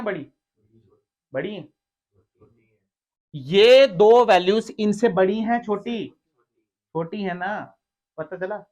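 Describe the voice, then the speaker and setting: A male physics teacher with a high-pitched voice gives a lively classroom lecture, constantly quizzing students in call-and-response fashion and teasing and scolding them between questions. The recording is dull and lo-fi.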